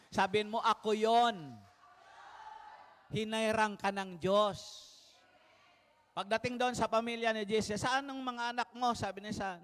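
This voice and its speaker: A man's voice: high voice, fairly bright tone. A man preaching a sermon to a congregation, telling the story vividly and asking them questions. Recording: reverberant hall.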